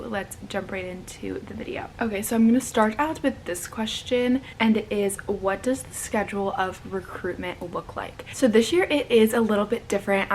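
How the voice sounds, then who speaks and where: A woman's voice: mid-range voice, poor audio. Bubbly young sorority-girl vlogger, faint room noise. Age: young adult. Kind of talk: casual advice Q&A to camera.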